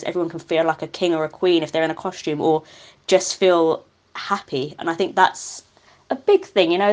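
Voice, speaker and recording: A woman answering interview questions, chatty and enthusiastic, laughing now and then. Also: on the low side. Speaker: carnival band committee member.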